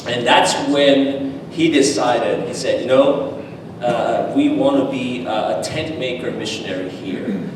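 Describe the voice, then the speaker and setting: At a church seminar, a man with a mid-range voice gives a personal testimony, a little slowly, telling stories animatedly with frequent restarts and fillers. He's far from the mic in an echoey church hall, with background noise.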